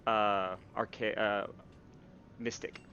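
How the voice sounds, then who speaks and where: A man narrating as game master of a tabletop role-playing game, describing scenes in a measured way. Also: lowish voice, level tone, pushed and bright, dull audio, slight background noise.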